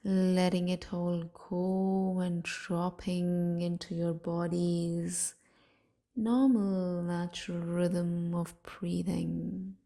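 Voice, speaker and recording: In a hushed, soothing and softly breathy voice, a woman guides a sleep meditation with long pauses. Her pitch is fairly low and moves very little.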